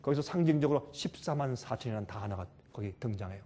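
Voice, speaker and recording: A man preaching a sermon with emphasis, swinging between loud calls and quiet asides and putting questions to his listeners. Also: medium pitch, animated, fast talker.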